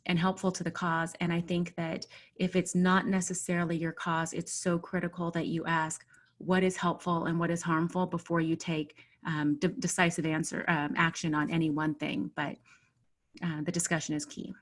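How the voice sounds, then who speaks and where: A woman speaking as a webinar panelist in a thoughtful, measured way, pausing often with ums, over a video call. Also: fairly low pitch, little pitch movement. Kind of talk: earnest discussion.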